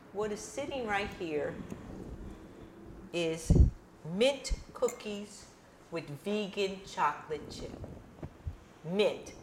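A woman's voice: medium pitch, noisy background. A woman hosting a casual cooking show, chatty and repeating phrases for emphasis, recorded in a kitchen. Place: home kitchen. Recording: echoey kitchen with guitar music.

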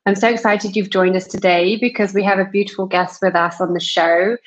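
A woman's voice: mid-range voice, level tone, brisk, dull audio. A woman hosting a podcast interview over a remote call, chatty, with many ums and restarts. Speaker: podcast host.

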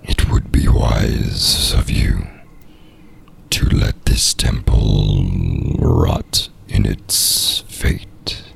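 A game master voicing an ancient, menacing temple spirit in a deep, gravelly whisper. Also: drawn-out words, full character voice. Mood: ominous.

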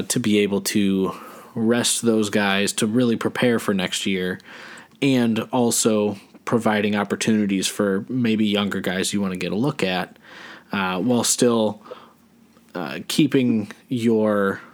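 A man co-hosting a podcast, talking sports in a rambling, casual way with lots of fillers and restarts. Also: fairly low pitch. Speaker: podcast co-host.

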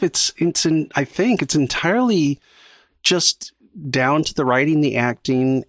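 A man's voice: medium pitch, fairly bright tone, dry recording, clean studio sound. A man co-hosting a film podcast, talking casually, laughing easily and repeating words as he thinks. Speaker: podcast co-host.

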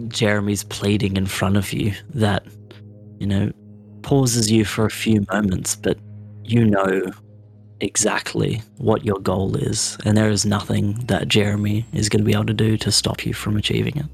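A man acting as game master, narrating a tabletop role-playing game in a calm, measured way. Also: fairly low pitch, gravelly, faint music behind.

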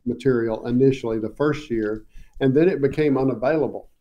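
A man's voice: medium pitch, a little fast, dull audio. A man being interviewed as a guest researcher, explaining patiently with many hesitations and fillers. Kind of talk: casual interview.

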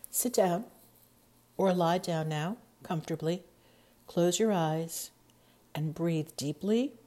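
A woman narrating a scripted guided meditation in a soothing, hypnotic, measured way, softening into breathiness at the ends of phrases. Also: low voice. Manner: soothing, measured, hypnotic delivery with long pauses.

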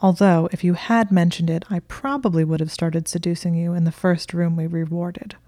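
A woman's voice: lowish voice, fairly even intonation, moderate pace, dark tone, dry recording, clean studio sound, natural voice. A woman reading a smug, wordy young wizard. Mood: teasing.

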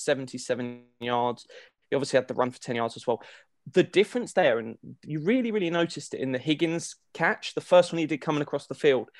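A man's voice: fairly high pitch, no room sound, clean studio sound. A man giving casual sports analysis as a podcast co-host, thinking aloud and restarting his phrases.

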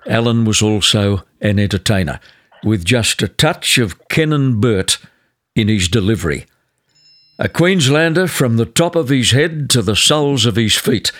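An older man with an Australian accent, hosting an interview in a measured, articulate broadcaster's style. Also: fairly low pitch, fairly bright tone, no room sound, clean studio sound. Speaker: podcast host, interviewer. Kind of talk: polished scripted introduction and interview.

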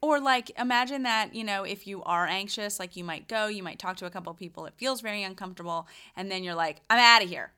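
Bright, clear-voiced woman podcast co-host. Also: medium pitch, quick pace, few pauses. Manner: explains research findings conversationally, with restarts. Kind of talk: casual health podcast discussion.

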